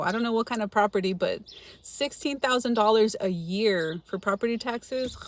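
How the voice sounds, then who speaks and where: There's slight background noise as a mid-range-voiced, middle-aged woman from Los Angeles, California, hosts a casual livestream. She reads viewer comments for her frugal-living channel, greeting people by name and laughing frequently.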